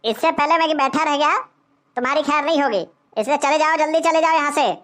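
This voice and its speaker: A woman's voice: sits high, fast talker, a bit bright. A woman voicing a boastful, short-tempered cartoon man who blusters threats. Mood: blustering. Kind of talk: cartoon voice acting.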